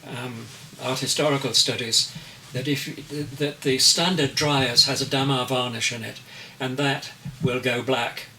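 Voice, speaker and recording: Elderly man speaking slowly from a distance. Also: medium pitch, fairly even intonation, sharp tone. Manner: slow, deliberate, searching for words. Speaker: interviewed artist. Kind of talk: reflective interview answers. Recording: distant mic with faint noise.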